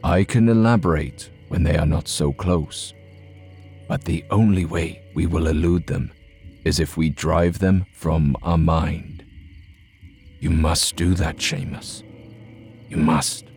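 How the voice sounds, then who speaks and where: A man voicing an eerily calm, secretive male traveling companion who speaks low, hushed and measured. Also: creaky, faint music behind, heavily acted.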